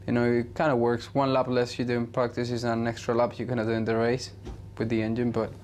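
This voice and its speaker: Flat-voiced racing driver, casual interview. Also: male voice, medium pitch, quick pace. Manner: casual, lots of "you know". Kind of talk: interview answers.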